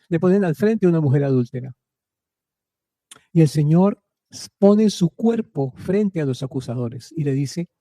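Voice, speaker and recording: A man hosting a faith radio program, his voice very dark and mellow yet pitched a little high. He tells stories earnestly in a preaching way and often puts rhetorical questions to listeners. The recording is dry and close. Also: dry recording. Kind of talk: radio talk on faith and marriage.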